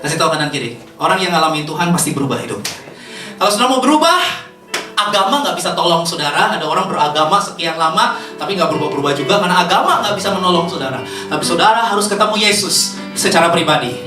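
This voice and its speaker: A woman's voice: lowish voice, animated, fast. A woman preacher from Indonesia with a Jakarta accent, giving a chatty sermon and laughing often. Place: church hall. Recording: echoey hall, far from mic, faint music.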